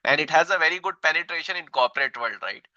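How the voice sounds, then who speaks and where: A man's voice: on the high side, expressive, fast, pushed and bright, no room sound, highs cut off. Indian man teaching with constant "right?" tags. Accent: Indian English. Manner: repeats himself, frequent "right?" tags. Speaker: instructor. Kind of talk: online tech class.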